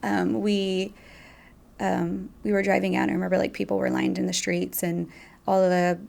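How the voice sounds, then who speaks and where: Gravelly-voiced woman talking softly. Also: medium pitch, flat delivery, normal speed. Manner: soft-spoken, reflective, many fillers like "um" and "like". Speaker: guest, widow of a police officer. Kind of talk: casual conversational interview.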